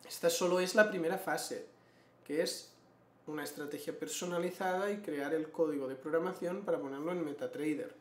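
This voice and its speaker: A man, walking through a screen-share tutorial and clearing his throat often. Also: fairly high pitch, a little fast. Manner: explanatory, frequent throat clearing. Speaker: trading educator. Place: small room indoors. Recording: roomy echo.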